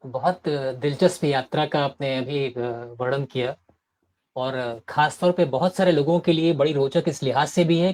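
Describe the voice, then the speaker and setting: A man interviewing the guest, framing a long question in a measured way with small hesitations. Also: a little high, darkish tone.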